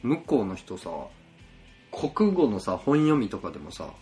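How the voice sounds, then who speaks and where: A man's voice: on the low side, big pitch swings, measured pace, warm tone, soft background music. A man from Hyogo with a Kansai accent, chatting casually on a podcast and explaining things in an easygoing way. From Hyogo, Japan. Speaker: podcast co-host. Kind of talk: casual chat.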